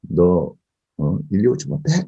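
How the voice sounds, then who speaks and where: A man voicing an angry mother who scolds her daughter with a raised voice, low and husky. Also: animated, fairly quick, dark tone, highs cut off, full character voice. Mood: scolding.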